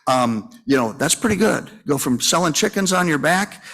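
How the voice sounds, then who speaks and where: A man's voice: fairly high pitch, animated, normal speed, fairly bright tone. Rambling folksy man in his sixties. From Minnesota, US. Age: 60s. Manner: folksy, rambling storytelling with many fillers and restarts. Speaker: funeral home owner and conference speaker. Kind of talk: conference breakout talk. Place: conference session room.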